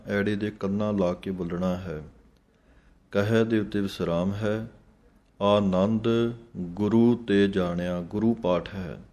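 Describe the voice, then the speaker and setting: Man, low voice, flat even delivery, slow measured recitation teacher. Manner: slow, measured, chants lines then explains each word. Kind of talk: slow pronunciation lesson on scripture.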